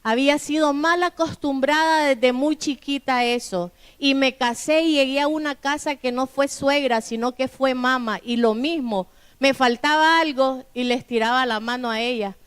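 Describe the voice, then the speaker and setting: A woman's voice: high-pitched, fairly even intonation, moderate pace, clear, resonant tone. A middle-aged woman pastor, telling a testimony in a sermon and acting out the dialogue of the people in it. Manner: storytelling with acted-out dialogue.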